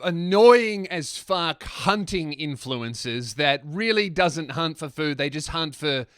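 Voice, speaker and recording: A man's voice: on the high side, expressive, slow pace, a bit bright, clean tone, dry recording, studio quality. An Australian man hosting satirical comedy commentary, brash and sweary, mocking as he talks.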